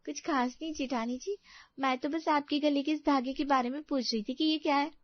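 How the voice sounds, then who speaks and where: A woman's voice: sits high, steady tone, a little fast, no echo, highs cut off, lightly acted. A woman voicing Sunita, a young sulky sister-in-law who whines and demands attention, in a cartoon story. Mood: curious. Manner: whiny, demanding. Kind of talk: cartoon voice acting.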